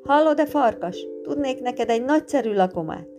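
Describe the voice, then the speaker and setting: A woman voicing a tiny, brave and cheeky boy in a storybook reading, with guitar music behind. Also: natural voice. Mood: sly. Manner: shrill shouting.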